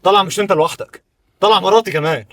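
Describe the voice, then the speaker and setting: A man's voice: sits high, rapid-fire, fairly bright tone, dry recording. A young man with an Egyptian accent playing a loyal, determined son who speaks earnestly. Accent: Egyptian Arabic. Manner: earnest and emphatic. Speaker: son returning home. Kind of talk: web drama acting.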